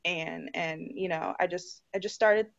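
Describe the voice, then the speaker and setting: A young woman from New Jersey and the U.S. Virgin Islands tells stories casually as an interview guest, animated and laughing often. Her voice is lowish and gravelly at a measured pace, sprinkled with fillers like "like" and "you know." The recording is dry and muffled.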